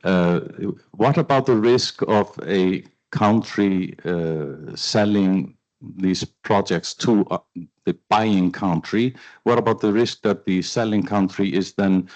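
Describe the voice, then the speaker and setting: A man's voice: low voice, a little mellow, low-quality recording. A man from Iceland, earnestly asking a question from the floor. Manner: earnest, searching. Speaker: audience member asking a question.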